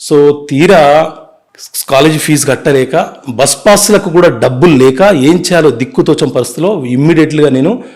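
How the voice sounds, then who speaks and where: A man, an advocate telling his life story in an interview, earnest and brisk, mixing in English words. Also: a little high, darkish tone.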